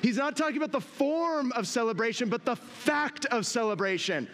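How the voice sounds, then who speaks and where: A man preaching a sermon as pastor, expressive and animated, acting out the inner voices of his listeners. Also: very high voice, normal speed. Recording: long reverb from a church hall.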